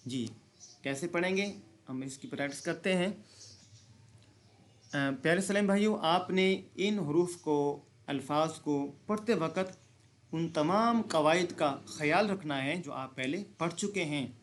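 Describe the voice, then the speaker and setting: A man leads a recitation lesson at a slow, unhurried pace. His voice sits somewhat high for a man, and he draws out each example word. He often asks a question and then answers it himself. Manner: explains rules then recites words slowly and drawn out. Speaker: Quran reading teacher.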